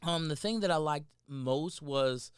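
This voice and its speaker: A man from South Carolina, co-hosting a relaxed chat, rambling and repeating himself as he talks. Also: fairly high pitch, measured pace, clear, resonant tone, dry recording, studio quality. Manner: rambling, repeats words, says "you know what I'm saying". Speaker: podcast co-host. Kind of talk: casual chat.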